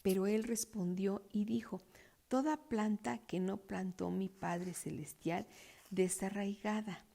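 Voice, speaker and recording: A woman reads Bible passages aloud for her church, slowly and carefully, her soft voice often falling to a breathy near-whisper. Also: medium pitch. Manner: slow, careful reading with small slips and restarts. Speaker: church scripture reader.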